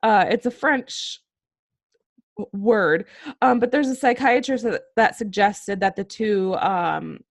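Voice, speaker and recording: Slow, hesitant young woman storyteller. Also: mid-range voice, gravelly, dry recording, studio quality. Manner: hesitant, many ums and restarts. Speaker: podcast co-host. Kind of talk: casual podcast chat, storytelling.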